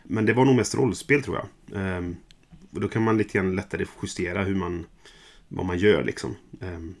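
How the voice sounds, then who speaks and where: Man, podcast host, hoarse after illness, gravelly, low voice, relaxed casual chat. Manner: relaxed, affirming, steers the show.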